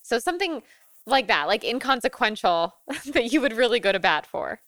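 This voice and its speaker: A woman hosting a podcast in casual, expressive chat, swearing and laughing often. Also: on the high side, moderate pace, no echo, clean studio sound. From lives in New York. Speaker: podcast host.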